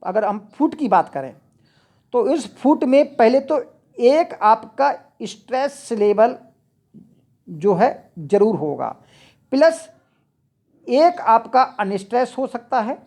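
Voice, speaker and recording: A woman teaching an English poetry lesson, explaining each point slowly and repeating it, with English definitions mixed into her talk. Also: on the high side, sing-song, dark tone. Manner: slow, repetitive, mixes English definitions into Hindi. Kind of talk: explanatory lecture.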